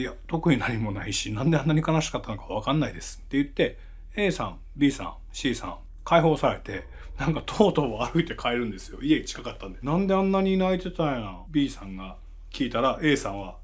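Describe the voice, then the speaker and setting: A man with a Kansai accent telling a true ghost story in a lively, animated way, acting out the people in it. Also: a little high, husky. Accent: Kansai Japanese.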